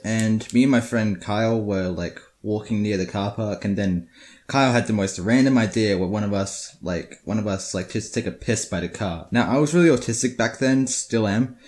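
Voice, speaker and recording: A man's voice: lowish voice, darkish tone. A teenage boy telling crude school stories in a casual, profane, rambling way, full of restarts. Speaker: storyteller. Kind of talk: casual storytelling.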